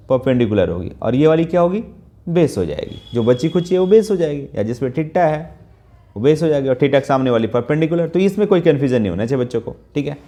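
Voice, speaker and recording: A man with a slightly high, warm voice teaches trigonometry in Hindi at a whiteboard. He explains step by step, checks in with the students often, and mixes in English math terms.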